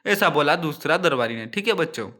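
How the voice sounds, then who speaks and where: Male teacher, story lesson for kids, explains word meanings, slightly high voice, bright and forceful. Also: expressive, brisk. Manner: addresses children often, explains word meanings. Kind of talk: reading and explaining a story to children.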